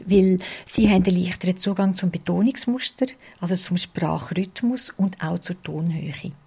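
A woman with a Swiss German accent speaks as a researcher in an interview, laying out her points patiently and step by step. Her voice is gravelly and husky, with a mellow, darker tone. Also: on the low side. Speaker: early childhood music researcher. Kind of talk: explanatory interview answers.

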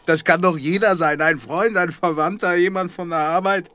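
An actor playing a young stranger who teases and taunts in a radio drama, with a playful, mocking manner. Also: male voice, high voice, moderate pace, sharp tone. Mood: teasing. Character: smooth teasing young stranger.

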